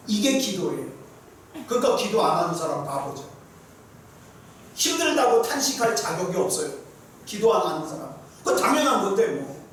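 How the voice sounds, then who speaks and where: Animated preacher in an echoey sanctuary. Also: male voice, high voice, a little hiss or hum. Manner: animated storytelling with rhetorical questions to the congregation. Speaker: pastor. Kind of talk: sermon. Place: church sanctuary. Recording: echoey sanctuary, mic far off.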